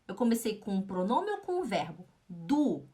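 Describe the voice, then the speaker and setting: A woman's voice: mid-range voice, big pitch swings, normal speed, warm tone, breathy edge. A young Brazilian woman teaching German in a live-streamed lesson, chatting and reading viewers' comments aloud with frequent "né?". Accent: Brazilian Portuguese.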